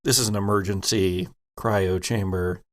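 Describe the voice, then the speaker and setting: A man with a low, steady voice runs a tabletop game as its game master. His narration is relaxed and halting, as though he's working things out aloud.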